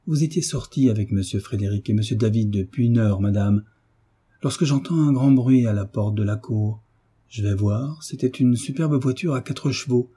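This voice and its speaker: A man with a dark, husky voice voicing a garrulous young female country maid. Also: medium pitch, normal speed, close to an everyday voice. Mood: eager. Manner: garrulous, rustic, breathless storytelling.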